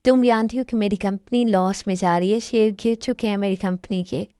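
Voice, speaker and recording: A woman's voice: mid-range voice, steady tone, a little fast, mellow, no echo, studio quality, natural voice. A woman voicing a worried middle-aged father and company owner in an amateur dub, talking in an anxious, pleading way.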